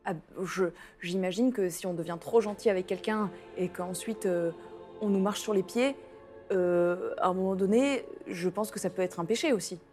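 Tabletop player, female, casual and halting in character. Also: medium pitch, a little mellow, soft background music. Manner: hesitant, many fillers.

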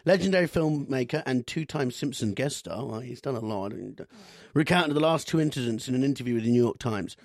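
A man's voice: medium pitch, animated, brisk, creaky, hardly any pauses, no room sound, clean studio sound. A man hosting a podcast, rambling and joking, often laughing as he tells a story. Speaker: podcast host. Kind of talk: casual comedic chat.

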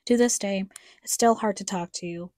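Young woman narrator for a grief podcast: mellow, dry close voice, reflective and somber. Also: mid-range voice, normal speed, no echo. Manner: somber, reflective, addressing her late mother. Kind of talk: scripted personal narration.

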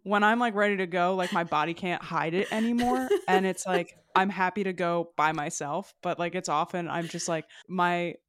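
Podcast co-host, woman, lowish voice, dry close sound, wry self-mocking chat. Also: steady tone, moderate pace, few pauses, a bit bright, no echo. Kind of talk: casual chat.

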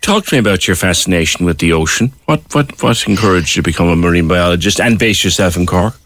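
A man's voice: deep voice, expressive, fast, fairly bright tone. A man with an Irish accent, hosting a conversational interview. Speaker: radio show host, interviewer.

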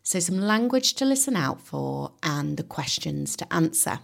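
A woman hosting an English-learning podcast, explaining and interviewing in a clear, teacher-like way. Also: low voice, big pitch swings, measured pace. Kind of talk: scripted lesson narration and interviewing.

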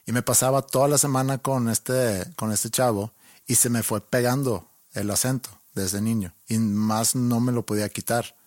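A Mexican man talks with a friend in a relaxed, easygoing way. His voice sits in an ordinary middle range, and the recording is close and dry. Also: mid-range voice, normal speed, no room sound. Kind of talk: casual chat between friends.

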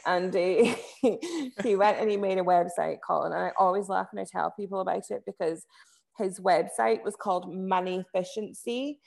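A woman with a Highland Scottish accent telling stories casually and chattily, acting out bits of dialogue and often saying "like". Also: moderate pace, gravelly. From Inverness, Scotland. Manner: animated retelling with quoted dialogue and frequent "like". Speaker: podcast guest. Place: indoors by a window, at a laptop on a video call.

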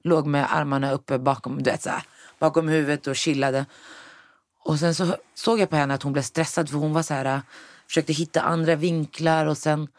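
A woman's voice: sits low, fairly even intonation, no echo. A young woman telling a personal story in conversation, often acting out what people said and dropping in English words. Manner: retells events with quoted dialogue, mixes in English words. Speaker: guest.

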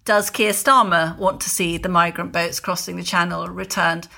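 A woman's voice: on the low side, steady tone, normal speed, gravelly, sharp tone. A woman co-hosting a political podcast, talking in an emphatic, indignant way. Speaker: podcast co-host, columnist. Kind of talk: opinionated political chat.

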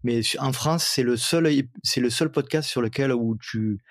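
A man's voice: mid-range voice, normal speed, dry recording, clean studio sound. A man hosting a trail running podcast, chatting casually with many fillers and restarts.

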